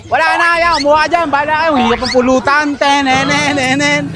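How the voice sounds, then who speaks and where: A playful, teasing vlogger pulling street pranks, chatting and suddenly belting out a shouted song. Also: high voice, fast, heavy background noise. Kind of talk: street prank vlog, casual teasing chat. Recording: loud music playing under the voice.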